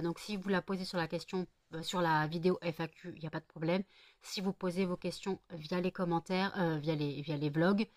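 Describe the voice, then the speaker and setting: A woman vlogger and small candle seller chatting casually late at night, rambling and repeating herself. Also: lowish voice.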